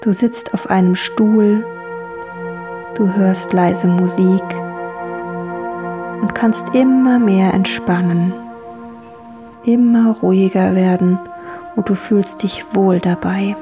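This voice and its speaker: Over a soft music bed, a woman with a medium-pitched voice guides children through a relaxing dream journey. She speaks slowly, calmly and soothingly, with gentle repetition.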